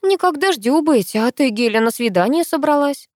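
A woman's voice: high-pitched, animated, normal speed, no room sound, studio quality, pitched above the performer's own voice. Brief: woman reading as a folksy, fussing older housekeeper, lilting. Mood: fussy kindly.

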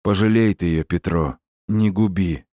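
A man's voice: low-pitched, a little slow, mellow, no room sound, clean studio sound. A man voicing an anxious village priest who pleads in a tearful, raised voice. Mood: pleading.

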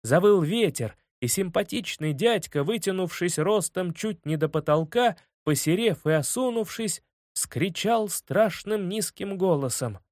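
A man reads a children's story aloud with lively, expressive storytelling. His voice sits high for a man. The sound is dry and close to the mic. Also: measured pace, no room sound. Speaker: audiobook reader. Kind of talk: scripted audiobook narration.

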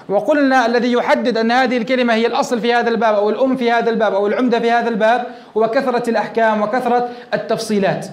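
A male sheikh gives a classroom grammar lesson in a strikingly high voice. He talks at a brisk clip, asking the class questions and answering them himself as he works through each point. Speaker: Islamic scholar teaching Arabic grammar.

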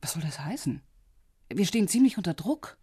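Playing a composed, businesslike intelligence officer for radio drama, the actress uses a husky, mellow voice on the low side, measured and discreet yet very animated and exaggerated. The sound is clean studio audio with no echo.

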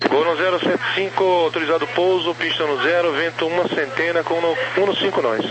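Brazilian guy tower controller, slightly high voice, clipped clearances, noisy radio. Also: steady tone, brisk. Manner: procedural, clipped phraseology. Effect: aviation radio. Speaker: tower air traffic controller.

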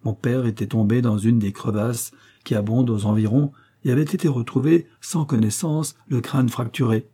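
A man voicing a desperate young gentleman who feels hunted by fate, telling his story anxiously. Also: medium pitch, steady tone, normal speed, hardly any pauses, breathy edge, close to an everyday voice.

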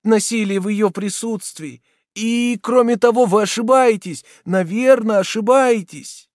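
A man voicing a frail, timid seamstress in an audiobook, pitched high above his own voice. She begs softly but urgently. The sound is dry and close. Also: measured pace, no echo. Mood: pleading. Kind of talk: audiobook character reading.

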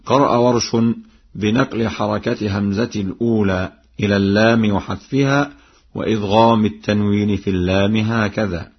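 A man from Egypt giving a radio lesson on Quran readings, explaining slowly and carefully and chanting each example melodically. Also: on the low side, steady tone, breathy edge. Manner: slow, measured explaining, then melodic chanting. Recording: dull lo-fi archival radio recording.

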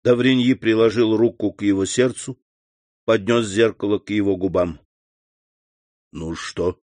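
A man narrating a classic novel in an even, steady storytelling voice. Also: on the low side, normal speed, no room sound. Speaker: audiobook narrator.

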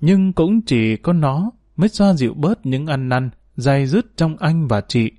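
A man narrating a story in a calm, measured and sorrowful way. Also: a little high, no echo, clean studio sound. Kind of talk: scripted narration.

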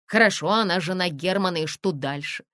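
A brusque, secretive middle-aged museum director, voiced by a woman reading the story, terse and mocking. His lines come in a lowish voice, recorded close and completely dry. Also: brisk, fairly bright tone, no echo, lightly acted.

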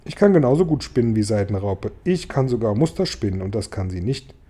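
A man's voice: lowish voice, sing-song, brisk, mellow, breathy edge. A man reading a storybook aloud, voicing a proud, slightly offended female spider.

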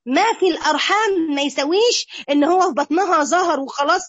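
A woman with an Egyptian accent giving an animated, conversational religious lecture to a women's group, speaking straight to her listeners. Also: extremely high pitch, quick pace, no room sound. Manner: animated and conversational, addresses the audience directly. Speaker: religious teacher. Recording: dull lo-fi dry recording.

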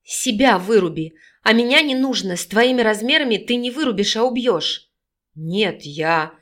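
A woman voicing a young half-blood werewolf woman, with hoarse, pleading, desperate cries in an audiobook reading. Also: a little high, lively intonation, moderate pace, fairly bright tone. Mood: defiant.

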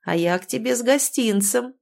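A kindly old grandfather speaks softly and unhurriedly in an audiobook, voiced by a woman reader. His voice is mellow and sounds tender, and it turns grave when he gives a warning. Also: fairly high pitch, moderate pace, vocal fry. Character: gentle old grandfather, warm and wise.

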